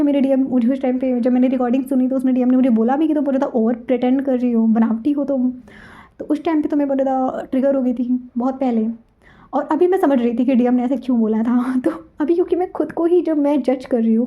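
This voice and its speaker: A woman with a high voice shares a personal story and gives advice in a casual, chatty way. She keeps checking in with her listeners and slips English words in as she talks. The recording sounds dull and lo-fi. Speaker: twin flame spiritual channel host.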